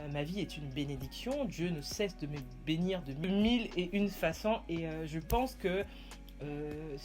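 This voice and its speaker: A young woman answering viewer questions to camera in a casual, animated and playful way, with emphatic retorts. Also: sits low.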